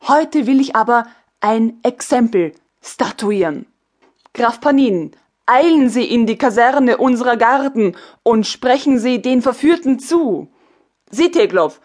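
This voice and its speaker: A woman voicing a proud, cold Russian empress who gives stern commands. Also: a little high.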